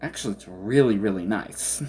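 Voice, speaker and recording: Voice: low-pitched, moderate pace, mellow. A game commentator chatting casually and hesitantly about a game, rambling and often trailing off mid-thought.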